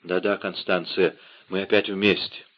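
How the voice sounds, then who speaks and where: A man's voice: low-pitched, level tone, a little slow. Desperate young musketeer guy, urgent, calling out, read by a man, muffled lo-fi audio. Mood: anxious. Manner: urgent, crying out. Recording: dull lo-fi audiobook recording.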